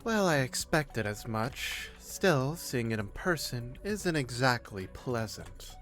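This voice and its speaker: A man's voice: medium pitch, very animated, slow pace, fairly bright tone, soft background music. A man voicing a bold, flirty woman who leads a gang, teasing and confident.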